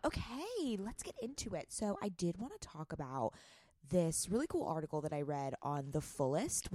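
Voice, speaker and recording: A woman with a low voice talks casually as a podcast co-host. Her delivery is chatty and conversational, recorded close and dry. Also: a little mellow, no echo. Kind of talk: casual chat.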